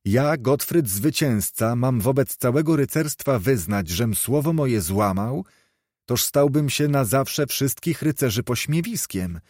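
A man's voice: mid-range voice, expressive, unhurried, a little mellow, dry recording, clean studio sound. A man doing a proud noble knight. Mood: indignant. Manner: proud, declamatory.

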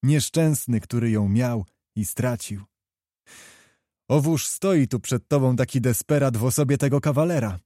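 A man's voice: medium pitch, measured pace, dark tone, dry recording, studio quality, close to an everyday voice. A man voicing a hearty, commanding old prince with jovial, courtly speech.

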